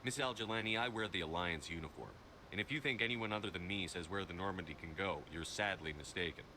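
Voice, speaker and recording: Male actor as a deep, clipped military commander, game audio with hiss behind. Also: fast, natural voice. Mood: stern. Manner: clipped, firm, dismissive. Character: stern male space commander, curt and proud.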